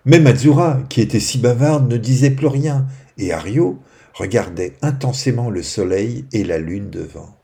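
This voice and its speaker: A man narrating a children's bedtime story in a gentle, expressive way, dropping to a hush at quiet moments. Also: mid-range voice, moderate pace, vocal fry, few pauses.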